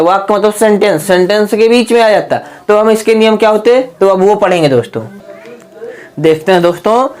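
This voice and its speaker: The grammar teacher in this clip has a high-pitched, clear, and resonant voice. He restates his points repeatedly and poses rhetorical questions to his class, constantly referring to them as friends.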